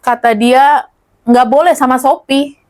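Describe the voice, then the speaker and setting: A woman's voice: sits high, a little slow. Middle-aged woman telling her story. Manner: animated, acts out quoted dialogue. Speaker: guest. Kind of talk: casual storytelling interview.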